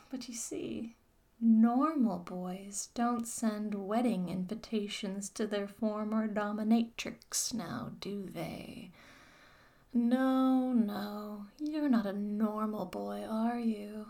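A woman playing a mocking, controlling former dominatrix in a whispered audio roleplay, talking to the listener in a slow, taunting way. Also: mid-range voice, fairly even intonation, dark tone.

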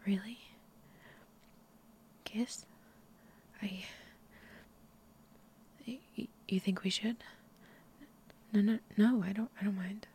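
A young woman whispering softly and breathily in a close-mic audio roleplay, shy and halting, with frequent giggles. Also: medium pitch, fairly even intonation, a little hiss or hum. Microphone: close microphone.

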